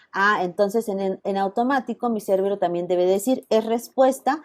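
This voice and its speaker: A woman university teacher with a Mexican Spanish accent, giving an online class lecture and patiently explaining, slowing down to stress her examples. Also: mid-range voice, darkish tone.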